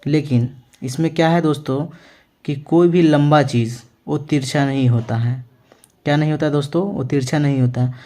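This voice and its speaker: A male maths teacher explaining a lesson to students, asking them questions and answering them himself, often checking in with "okay" as he writes out words slowly. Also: mid-range voice, warm tone. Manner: ends phrases with a reassuring check-in. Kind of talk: classroom-style lesson.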